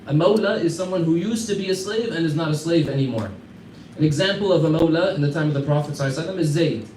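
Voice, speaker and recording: A man's voice: on the high side, racing, darkish tone. An American man giving a storytelling lesson to a class, talking conversationally, quizzing his listeners and chuckling through anecdotes. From United States. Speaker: teacher. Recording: echoey room, mic far off, faint background hum.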